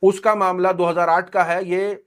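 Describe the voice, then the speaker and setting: A man's voice: sits high, level tone, moderate pace, clean tone. A man hosting a news commentary channel, running through the headlines in a sarcastic tone.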